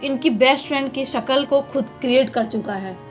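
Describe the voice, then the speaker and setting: A woman's voice: high voice, moderate pace. Woman narrating a horror story. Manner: casual, conversational retelling. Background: faint music.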